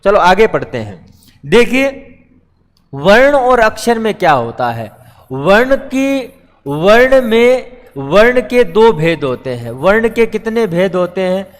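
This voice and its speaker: High-voiced man teaching grammar live. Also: big pitch swings, slow pace. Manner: patient, explains step by step, calls students beta; repeats questions and answers them himself. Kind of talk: live online class. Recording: long echo of a reverberant room.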